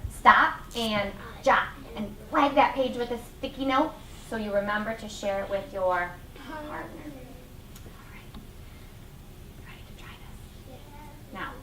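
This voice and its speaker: A woman teaching a reading lesson to young children as a kindergarten teacher, giving simple, animated instructions with drawn-out emphasis. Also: a little high. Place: classroom. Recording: echoey classroom, distant mic, clear noise.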